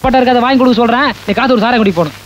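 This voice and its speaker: A brash village coconut climber and drinker with a high, cocky voice. He teases and blusters over a soft hiss from an old film soundtrack. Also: racing, low-quality recording. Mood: defiant. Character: cheeky village coconut climber, drunkard man. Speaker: film actor.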